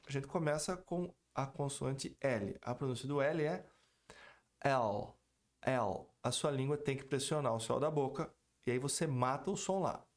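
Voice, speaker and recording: A man teaching an English pronunciation lesson, drawing out and repeating example words. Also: medium pitch. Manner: slow, drawn-out example words, repeated several times.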